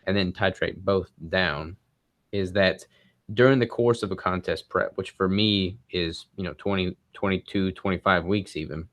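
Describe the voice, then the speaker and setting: A man guest in a casual interview, explaining his diet approach in a quick, relaxed way with casual fillers. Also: sits low, dry recording. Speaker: bodybuilder guest.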